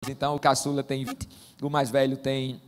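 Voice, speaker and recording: A man's voice: medium pitch, completely flat delivery, normal speed, a little hiss or hum. A man, preaching as a pastor and telling stories in a folksy, joking way. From Northeast Brazil. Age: 40s. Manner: warm joking storyteller, folksy asides. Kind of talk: sermon. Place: church sanctuary. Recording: long church-hall reverb.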